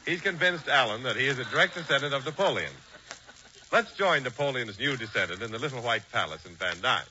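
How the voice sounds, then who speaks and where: This man announces in a polished, emphatic 1940s radio style, giving scripted narration and a sales pitch for advertising. His medium-pitched voice is expressive and sharp, moving a little fast, and the recording sounds dull and faintly noisy, typical of that era.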